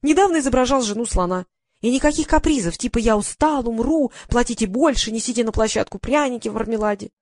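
A woman's voice: a little high, quick pace, a little mellow, dry recording, lightly acted. Sarcastic woman, read by the narrator, needling, mocking, dry.

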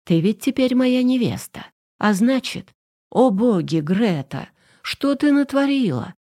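A woman's voice: on the high side, animated, unhurried, dark tone, voice pushed up. Woman reading as a stern young emperor. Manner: reproachful, commanding. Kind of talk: audiobook character reading.

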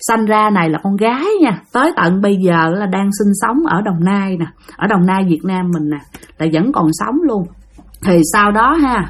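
Speaking directly to her audience, a woman with a Southern Vietnamese accent chats her way through a ghost story, leaning on many fillers. Her voice is mid-range and slightly rough.

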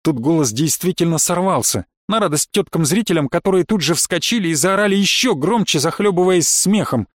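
Male audiobook narrator, dry studio, fairly high voice. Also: lively intonation, brisk, hardly any pauses, dry recording. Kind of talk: first-person audiobook narration.

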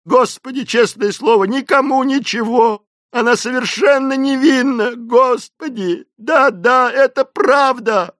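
A man's voice: unhurried, a bit bright, no echo, clean studio sound. A man voicing a terrified, hysterical elderly woman servant in an audiobook, wailing and pleading. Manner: shrill wailing pleas, sobbing cries. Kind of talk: audiobook character voice.

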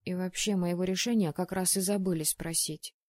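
A woman reading a first-person audiobook in a lively, expressive way. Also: lowish voice, normal speed, no room sound, clean studio sound. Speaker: audiobook narrator.

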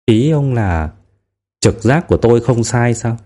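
A man's voice: medium pitch, lively intonation, unhurried, dark tone. A man voicing a wary, candid young man in an audiobook, speaking earnestly and a little guarded. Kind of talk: audiobook character reading.

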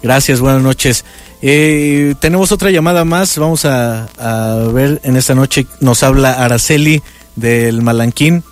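A man with a Mexican accent hosting a radio call-in show, briskly greeting and thanking callers. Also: mid-range voice, faint music behind. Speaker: radio host.

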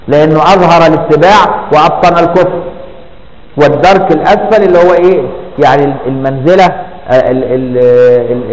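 A man's voice: fairly high pitch, darkish tone. A man with an Egyptian accent teaching a religious text in colloquial speech, often asking the listener if he has followed. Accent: Egyptian Arabic. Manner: explaining, with frequent rhetorical checks on the listener. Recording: hall reverb.

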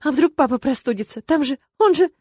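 A woman voicing a young female student in an audiobook, pleading tearfully and flaring with indignation, her voice rising high and loud. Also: animated, fairly quick, dry recording.

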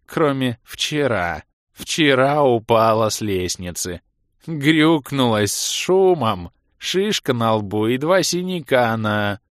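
A man voicing a cheerful, tactless bald male elf who speaks in a slow, drawn-out, naive way. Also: mid-range voice, lively intonation, no echo, studio quality. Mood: tattling.

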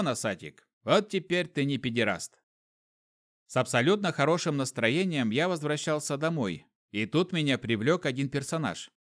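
Expressive male audiobook narrator. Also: mid-range voice. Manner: lively, expressive reading. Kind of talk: scripted narration of a fantasy novel.

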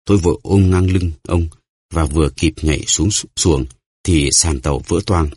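Brief: man doing old sunburnt sailor, earnest report, deep dry tone. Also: moderate pace, a little mellow, husky, dry recording. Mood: urgent. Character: old weathered male sailor.

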